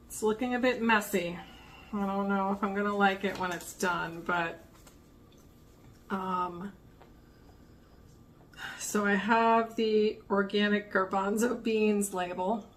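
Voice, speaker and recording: A woman's voice: mid-range voice, a bit bright, a little hiss or hum. A woman giving a casual, rambling show-and-tell as an art vlogger, thinking aloud as she goes.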